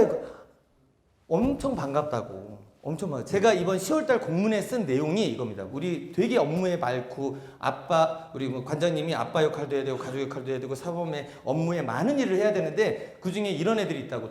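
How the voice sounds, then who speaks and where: Animated man lecturing in an echoey hall. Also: on the high side. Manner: animated, acts out scenes with sudden shouts. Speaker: taekwondo seminar lecturer. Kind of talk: seminar lecture.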